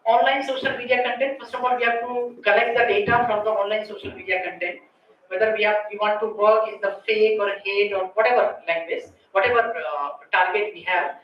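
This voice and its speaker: A woman's voice: mid-range voice, fairly even intonation, a little fast, highs cut off. Indian accent woman giving a tech talk at a conference, really echoey and far from the mic, keeps checking ppl follow. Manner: explanatory, often ends points with checking tags like "right?" and "okay". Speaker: conference speaker. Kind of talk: technical lecture with slides. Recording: distant mic, very echoey room, faint noise.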